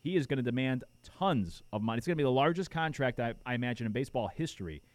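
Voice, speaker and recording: This sports talk radio host, losing his voice, talks fast and animatedly into a studio microphone with no echo. His pitch is medium, and his manner is casual and rambling, packed with fillers.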